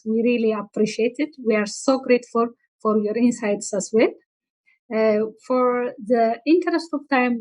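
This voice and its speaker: A woman's voice: a little high, a little mellow, low-quality recording. A woman moderating an online workshop in a polite, hesitant way. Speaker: webinar moderator.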